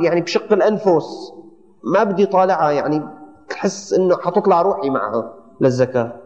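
A man voicing a weary worshipper who confesses that his heart has grown hard, in a lowered, sighing, complaining tone. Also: big-room sound, highs cut off.

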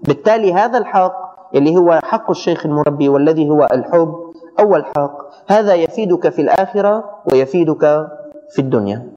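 A man giving a colloquial religious lesson, animated, often stumbling and repeating words for emphasis. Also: on the high side, fairly quick. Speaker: religious teacher. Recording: dull audio with long hall reverb.

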